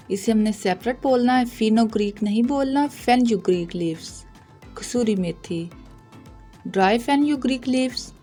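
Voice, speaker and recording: Woman teacher, slow patient vocabulary drill, warm low-key tone. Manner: patient, deliberate, corrects pronunciation. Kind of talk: slow vocabulary drill, repeating each word.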